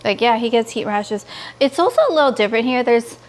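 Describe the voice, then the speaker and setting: A woman from California in her thirties chatting casually to her vlog viewers in an expressive, gushing way. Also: on the high side, fairly quick. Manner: expressive, pleading and gushing, quotes others in dialogue. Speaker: vlogger.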